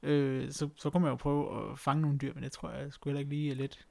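A man's voice: medium pitch, flat delivery, creaky, a little mellow. A man chatting casually in an understated, matter-of-fact way with dry humour. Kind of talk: casual chat.

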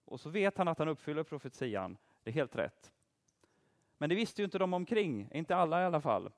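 Lively man teaching Bible story. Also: fairly high pitch. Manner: lively, asks the audience questions and praises answers. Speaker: preacher teaching a group.

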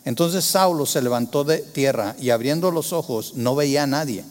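A man preaching a sermon, asking the congregation rhetorical questions and moving between loud emphasis and hushed tones. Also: medium pitch, moderate pace, in a large hall.

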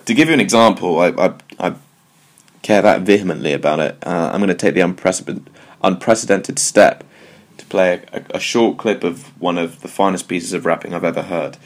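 Here a man from the United Kingdom runs a solo music commentary show as podcast host, talking fairly quickly in a low voice. His style is wry and digressive, full of jokey asides.

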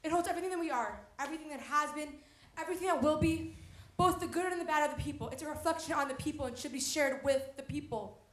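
A woman plays an idealistic mother who believes in her vow to preserve knowledge. She speaks earnestly in a high voice that rings in a roomy stage space. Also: quick pace, a bit bright. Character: idealistic middle-aged mother and programmer.

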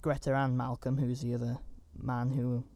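Guy rambling through a horror movie plot, gravelly low-key voice, dry close sound. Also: completely flat delivery, moderate pace, warm tone, dry recording. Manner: chatty, rambling, with asides and fillers. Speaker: film reviewer. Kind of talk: casual movie recap.

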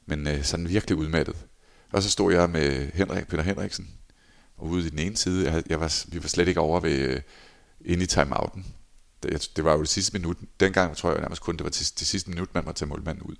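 A man in his forties, a former handball goalkeeper, telling lively anecdotes in a casual interview and acting out quoted lines. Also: very deep voice, gravelly. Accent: Danish. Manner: animated anecdotes, acts out shouted quotes.

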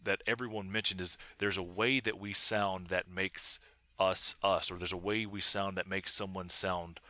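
A man talking as an academic researcher and interview guest, explaining in a halting, careful way. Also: deep voice, steady tone, pushed and bright, no echo. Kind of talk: academic discussion.

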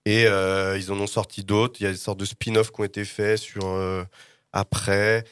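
Low-voiced joking man on a podcast. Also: level tone, normal speed, very noisy. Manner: joking, trails off and mumbles. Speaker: podcast co-host. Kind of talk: casual chat.

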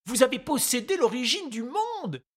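A rowdy bearded sculptor, played by a woman, bellows his lines with crude glee in a read-aloud story. The voice sits fairly high and swoops animatedly from low growls to high exclamations. He is loud, bawdy and exclamatory throughout. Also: very animated, moderate pace. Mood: indignant. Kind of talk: audiobook character reading.

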